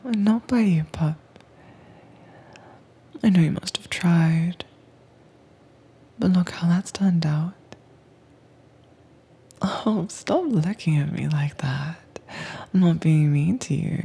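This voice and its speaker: Close to the microphone, a low-pitched woman performs a whispered roleplay audio, voicing a composed, commanding agent who keeps a werewolf caged. The voice actress stays cool and unhurried, her breathy delivery playfully teasing.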